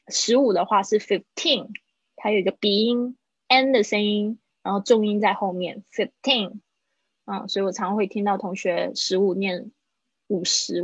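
A woman teaches English in a livestream lesson. Her voice is a bit breathy, at a middle pitch. She says the phrases slowly, then explains them briskly, and the dry recording sounds slightly muffled. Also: fairly even intonation, dry recording. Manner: slow drilled English phrases between quick Mandarin explanations.

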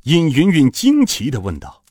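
A man narrating an audiobook with an expressive storytelling delivery. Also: a little high, moderate pace, slightly rough, no room sound. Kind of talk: audiobook narration of a martial-arts novel.

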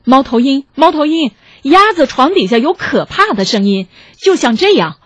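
A woman voicing a loud, eager grey wolf in a children's story, calling out at full voice. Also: sits high, big pitch swings, normal speed, no room sound, voice pushed up. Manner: shouting.

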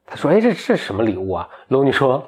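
A man's voice: mid-range voice, wildly swooping pitch, fast, darkish tone. A man casually retelling a folk tale to a friend, lightly voicing the characters and laughing along. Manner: chatty, voices the characters lightly, laughs at the story. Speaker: storyteller.

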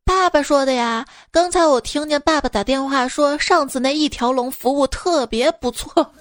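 A woman voicing a small child who shouts through tears at the parents, high and loud. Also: moderate pace, dry recording, studio quality, close to an everyday voice. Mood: excited.

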